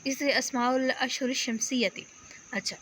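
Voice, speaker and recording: A woman teacher giving a spoken lesson, patient, explaining step by step and repeating words slowly. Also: high-pitched, steady tone, fairly bright tone, a little hiss or hum. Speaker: Arabic teacher. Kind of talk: spoken lecture.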